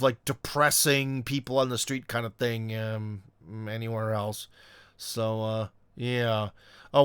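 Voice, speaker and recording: A man, from Ohio, talks loosely and off the cuff, full of ums and half-finished thoughts. His voice comes through smooth and resonant, in a close, dry recording with no room sound. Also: mid-range voice, a bit bright, dry recording. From Ohio, USA. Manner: rambling, many fillers and restarts. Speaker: vlogger. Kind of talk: casual unscripted monologue.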